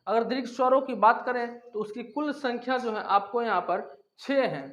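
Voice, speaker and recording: Male teacher with a very high voice, repetitive step-by-step explainer, asks and answers his own questions. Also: normal speed, fairly bright tone. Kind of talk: classroom-style lesson explaining grammar.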